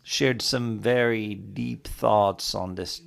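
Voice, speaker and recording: A man answering as a panelist at a conference, speaking in a deliberate, formal way. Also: lowish voice, fairly even intonation, vocal fry.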